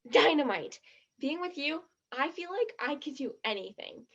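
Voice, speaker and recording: A woman plays an eager teenage girl in a one-act play, speaking high and with dramatic, gushing earnestness, sounding excited and impulsive. Her delivery is animated at a normal pace, with a somewhat bright tone. The recording is lo-fi and a little muffled.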